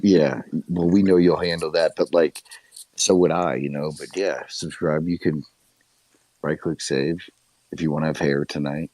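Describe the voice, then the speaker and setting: A man's voice: a bass voice, fairly even intonation, normal speed, a little mellow, no echo, poor audio. A man co-hosting casual, joking banter in bro-ish frat-guy slang.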